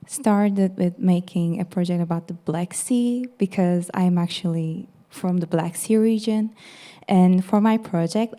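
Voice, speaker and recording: A woman's voice: fairly low pitch, mellow. A woman in her twenties with a Turkish accent, presenting her student project to an audience in an earnest, explaining way. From Turkey. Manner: earnest, explanatory, many "actually". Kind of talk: casual presentation.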